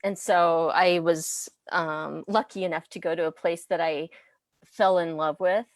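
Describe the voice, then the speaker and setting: This is a woman from the US Midwest with an American accent, talking casually about her personal background as an interview guest and language instructor. Her voice sits fairly low, with a steady tone and an unhurried pace, in a dry, studio-quality recording.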